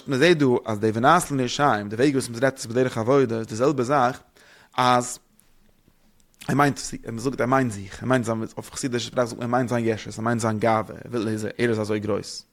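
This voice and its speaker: A man giving a spoken religious lesson, rambling quickly and posing rhetorical questions to his listeners. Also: medium pitch, steady tone. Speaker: religious teacher.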